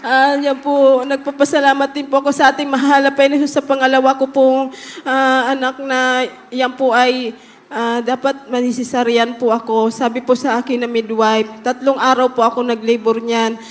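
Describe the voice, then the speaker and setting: A fervent woman gives her testimony in a church hall, her high, fairly even voice ringing with a long reverb. She keeps breaking into hallelujahs as she thanks God before the congregation. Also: moderate pace. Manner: fervent, often calling out hallelujah. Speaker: church member giving testimony.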